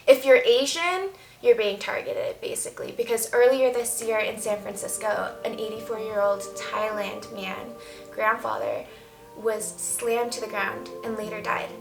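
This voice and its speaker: In a casual talk to camera, a woman shares opinionated, emphatic views with candor. Her voice is on the high side with vocal fry, set against a roomy echo and faint, soft background music.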